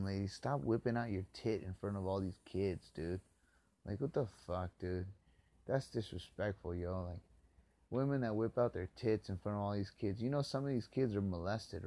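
A man's voice: fairly low pitch, warm tone. A man hosting a podcast, delivering a profane, hostile, ranting monologue into a close mic. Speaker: podcast host. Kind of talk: angry monologue rant.

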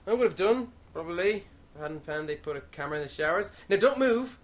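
Woman voicing a vain male station commander for an audio comedy, lowish voice, showboating. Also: animated, quick pace, natural voice. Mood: smug. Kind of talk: comic radio-play acting.

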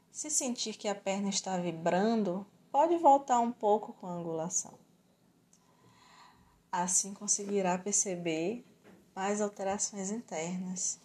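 Calm, measured and soothing, a Brazilian-accented woman leads guided yoga and relaxation instruction as the instructor. Her voice is mid-range, and she lets gentle pauses settle between her words.

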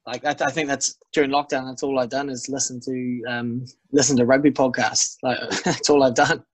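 A man's voice: mid-range voice, flat delivery, brisk, no echo, poor audio. A young New man, a guest on a rugby podcast, chatting in an easygoing, rambling way with lots of fillers. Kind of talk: casual podcast chat.

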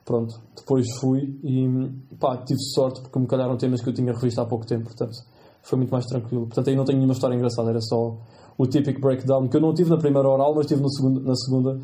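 His voice sits in the mid range and moves quickly as the young European Portuguese medical student, in his twenties, recounts animated, slang-filled anecdotes during an informal interview.

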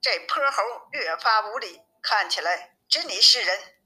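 A woman's voice: medium pitch, expressive, a little slow, bright, forceful tone, poor audio. A woman voicing a stern male monk master who lectures and scolds. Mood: scolding.

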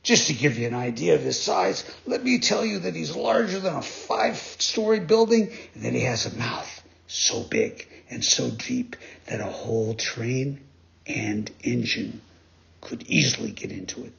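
A man voicing a polite, calm male dolphin in a courteous, matter-of-fact way. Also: mid-range voice, unhurried, vocal fry, full character voice. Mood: ominous. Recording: dull lo-fi sound.

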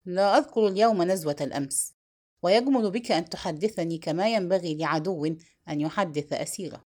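A woman reading the part of a young, proud captive princess who gives curt, cold, sharp replies. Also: fairly low pitch, fairly quick, natural voice.

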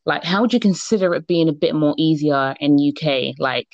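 A woman's voice: low-pitched, a little fast, a little mellow, no echo, muffled recording. Chatty woman hosting a podcast. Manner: chatty, upbeat, slangy. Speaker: podcast host. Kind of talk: casual podcast interview.

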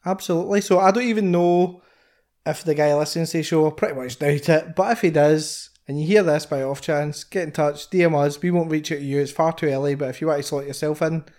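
A man with a Scottish accent co-hosting a podcast, chatting in excitable, rambling banter. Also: fairly high pitch, fairly quick. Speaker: podcast co-host. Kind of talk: casual chat.

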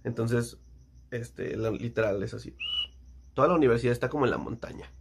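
A man's voice: medium pitch, a little fast, vocal fry, slight background noise. A young man with a Mexican Spanish accent, casually telling a story with lots of slang and acted-out voices. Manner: slangy, animated, acts out voices.

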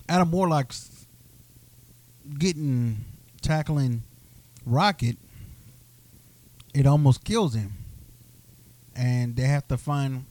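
A man's voice: medium pitch, warm tone. A man co-hosting a podcast, rambling through long, detailed retellings in casual chat. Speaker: podcast co-host.

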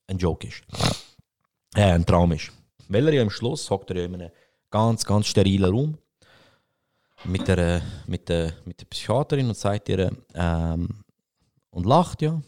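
A young man from Switzerland with a Swiss German accent, talking casually and excitedly about a film, swearing often and repeating words as he goes. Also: on the low side, vocal fry. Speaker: podcast host.

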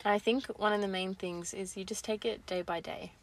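A woman's voice: medium pitch, steady tone, a little fast. A woman co-hosting a casual advice chat, talking informally with slang and swearing. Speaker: podcast co-host.

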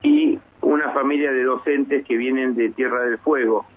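A husky-voiced man in his fifties answers questions over a tinny phone line. He talks in a measured, hesitant way and often restarts his sentences. His pitch sits in an ordinary middle range. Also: fairly even intonation. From Argentina. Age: 50s. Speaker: base commander guest. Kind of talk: phone interview on radio.

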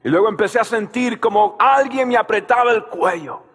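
A man preaching a sermon as pastor, telling a story and shouting out key lines while he asks the crowd to answer him. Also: high-pitched, fairly quick, slightly rough, big-room sound.

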